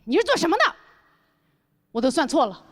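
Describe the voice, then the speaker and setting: A man's voice: extremely high pitch, very animated, fairly quick, long reverb tail, very noisy. A woman voicing a shifty, brusque print shop owner who answers curtly and defensively. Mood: blustering. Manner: curt, defensive.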